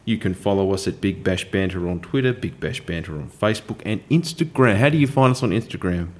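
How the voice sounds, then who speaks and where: An Australian man hosts a casual chat podcast, with a rather low voice. He rambles along in a jokey, self-mocking way. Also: animated, fairly quick, darkish tone. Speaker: podcast host.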